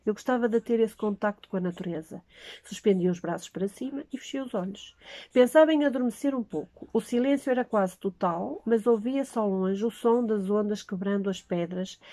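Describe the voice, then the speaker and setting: Woman, first-person story reading, mellow voice, dry close sound. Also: mid-range voice, no room sound. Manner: steady reading with small slips.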